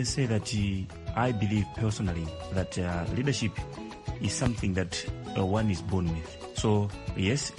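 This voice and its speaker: A man giving a recorded opinion in a deliberate way, pausing often with "uh.". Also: low voice. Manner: deliberate, with many "uh" pauses. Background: music.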